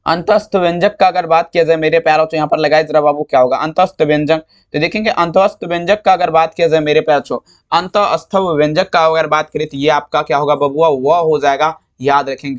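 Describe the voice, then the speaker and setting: A man's voice: a little high, fairly even intonation, a little fast. A man teaching students, going over exam answers with affectionate, repetitive coaching. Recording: slightly dull lo-fi sound.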